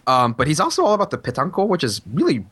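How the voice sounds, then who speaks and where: A man's voice: fairly high pitch, wildly swooping pitch, fast, fairly bright tone, breathy edge. Brash, profane young man ranting. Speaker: podcast co-host. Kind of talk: casual anime podcast chat.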